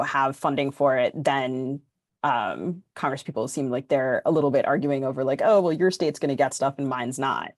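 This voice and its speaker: An American woman co-hosts a podcast in a very deep voice, thinking aloud in an informal, wandering way during a casual panel discussion. The recording is clean studio sound with no echo.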